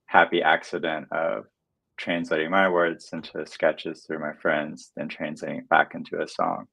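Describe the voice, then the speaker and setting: A man, a musician guest on a livestream interview over a video call, speaking softly and hesitantly with many fillers. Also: rumbling low, level tone, normal speed, vocal fry, low-quality recording.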